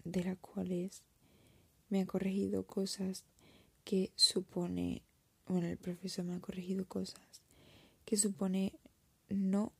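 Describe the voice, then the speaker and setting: Young woman in her twenties, mellow, husky whisper, hesitant confessional vlogger. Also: mid-range voice, little pitch movement, takes it slowly, pauses often, no echo. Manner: soft whisper, hesitant and reflective. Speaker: art student.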